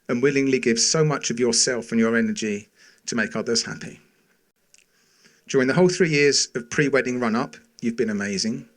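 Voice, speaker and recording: A middle-aged man delivering a prepared father of the bride speech in a sincere, affectionate, gently humorous way, pausing between short phrases. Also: medium pitch.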